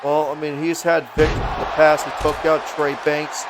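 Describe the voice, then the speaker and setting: A man's voice: on the high side, level tone, normal speed. A man giving emphatic live wrestling commentary, exclaiming at the action as he calls it. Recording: loud event crowd and noise. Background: crowd and arena noise.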